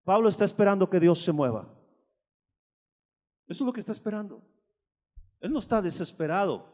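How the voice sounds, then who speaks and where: A man's voice: high voice, very animated, brisk, darkish tone. A man preaching a sermon to a congregation, emphatic and speaking directly to his listeners with rhetorical questions. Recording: long hall reverb.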